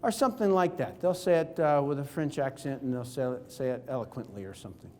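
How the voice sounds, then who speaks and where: A man giving an energetic, jokey seminar talk on network marketing, acting out phone calls with friends. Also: mid-range voice, quick pace, a little hiss or hum. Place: conference hall. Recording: reverberant hall.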